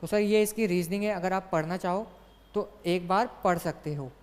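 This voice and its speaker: A woman with a fairly low, darkish voice teaches an online exam class at a moderate pace. She explains step by step, posing questions and answering them herself, and a long hall reverb hangs over the recording.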